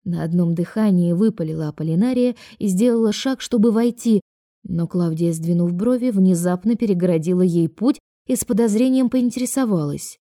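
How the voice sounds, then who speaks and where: Female audiobook reader, mellow and lowish, dry close sound. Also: brisk, no room sound. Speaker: narrator. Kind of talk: audiobook reading.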